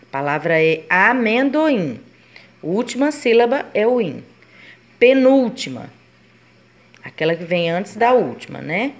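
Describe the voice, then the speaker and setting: Lively woman teaching grammar. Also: mid-range voice, a little slow, long pauses, lo-fi sound. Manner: patient, explains step by step and asks herself students' questions. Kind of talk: grammar lesson.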